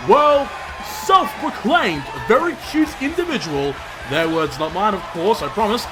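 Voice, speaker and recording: A man playing an excitable pro wrestling commentator, calling the show in a dramatic broadcast manner. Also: very high voice, heavily acted. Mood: excited, hyped. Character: excitable male pro wrestling play-by-play announcer.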